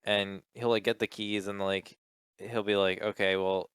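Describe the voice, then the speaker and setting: Smooth-voiced low man chatting casually. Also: little pitch movement, measured pace, fairly bright tone, dry recording, clean studio sound. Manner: rambling storyteller who acts out quotes with swearing. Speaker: podcast co-host. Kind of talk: casual chat.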